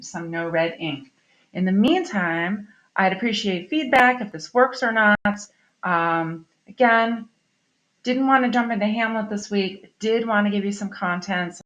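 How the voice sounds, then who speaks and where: A woman's voice: medium pitch, fairly bright tone, highs cut off. A woman teacher giving a recorded grammar lesson to her students, explaining in a chatty way and checking in with "okay?" often. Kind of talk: recorded online class lesson.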